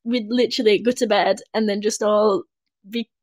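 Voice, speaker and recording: A woman's voice: medium pitch, fairly even intonation, no echo. Woman, dry close sound. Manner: unhurried, hesitant storytelling. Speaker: podcast co-host. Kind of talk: casual chat.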